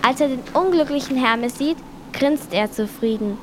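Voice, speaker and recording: High-voiced woman narrating a children's story. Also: moderate pace, background noise. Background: music.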